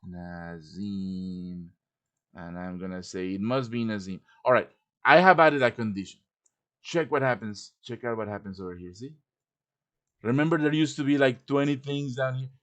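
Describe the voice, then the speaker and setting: This tutorial host has a lowish voice and keeps a moderate pace. He walks through a live software lesson on a voice-chat stream, casual and improvised, reasoning out loud step by step.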